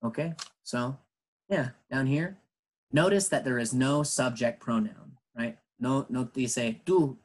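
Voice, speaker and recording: Slow, patient bilingual English teacher man. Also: mid-range voice, poor audio. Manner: slow, patient explaining, switching between English and Spanish. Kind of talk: bilingual classroom lesson.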